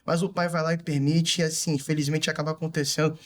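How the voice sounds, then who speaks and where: Man, Brazilian accent, Bible podcast co-host, quick talker, preacherly. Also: a little high, level tone. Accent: Brazilian Portuguese. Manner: exhorting, preacherly. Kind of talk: Bible study podcast chat.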